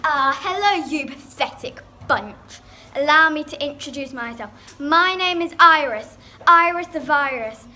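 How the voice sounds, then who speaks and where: A female performer playing a pompous virus supervillain in a school play, gloating with slow theatrical menace. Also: high voice, lively intonation, sharp tone, heavily acted. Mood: menacing, boastful. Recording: echoey, noisy school hall recording.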